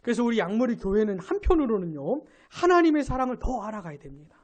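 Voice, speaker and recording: A male pastor giving a live Sunday sermon, asking his congregation questions and building to loud emphatic peaks. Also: high-pitched, sing-song, quick pace, lo-fi sound. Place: church sanctuary.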